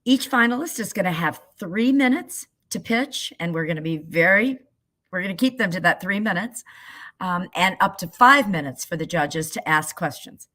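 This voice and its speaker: Woman, lowish voice, bright forceful tone, brisk businesslike rules explanation. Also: animated. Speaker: event organizer.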